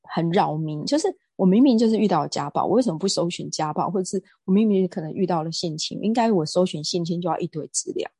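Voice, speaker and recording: Woman guest, emphatic storyteller, breathy and close, dry room. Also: lowish voice, quick pace, hardly any pauses, mellow, no room sound. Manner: earnest, emphatic storytelling with hesitations. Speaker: guest speaker on sexual assault prevention. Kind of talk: casual conversational interview.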